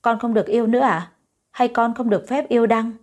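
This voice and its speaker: A woman's voice: fairly high pitch, fast, a little mellow, natural voice. A woman voicing a stubborn, emotional young woman in an audio story, speaking in a pleading way. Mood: defiant.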